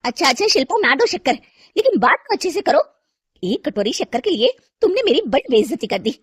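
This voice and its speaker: A woman's voice: high voice, very animated, a little fast, a bit bright, no room sound, clean studio sound, pitched above the performer's own voice. A woman voicing an offended neighbor woman who speaks placatingly.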